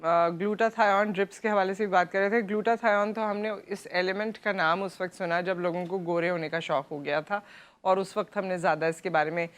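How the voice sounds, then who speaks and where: A woman's voice: on the low side, steady tone, fairly quick. A woman with a Pakistani accent hosting a TV studio interview, talking in a conversational way with frequent affirming murmurs. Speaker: TV morning show host.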